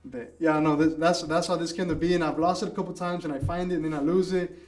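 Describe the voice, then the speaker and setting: A man's voice: on the high side, quick pace, faint music behind. A man in his thirties telling stories about his life in a casual interview, restarting his sentences often. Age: 30s. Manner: relaxed storytelling with many restarts. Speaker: interviewee, food business owner. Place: coworking space.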